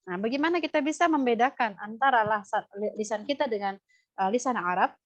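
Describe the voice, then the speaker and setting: The dull, lo-fi online recording carries a woman's slightly high, slightly fast voice with an Indonesian accent. In a live lesson on Quran recitation, she responds to students and demonstrates pronunciation.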